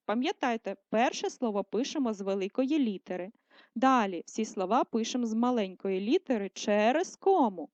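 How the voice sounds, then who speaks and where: A woman teacher giving a video lesson to first graders, speaking slowly and carefully and drawing out words to stress them. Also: on the high side, a little mellow, no echo. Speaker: primary school teacher. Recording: dull lo-fi sound.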